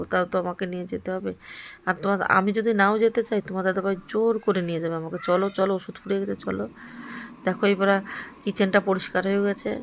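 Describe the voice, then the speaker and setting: Tired soft-spoken woman, gravelly and flat. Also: fairly low pitch, a little hiss or hum. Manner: soft, tired, talks slowly. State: unwell, short of breath. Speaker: vlogger. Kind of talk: casual chat while cleaning.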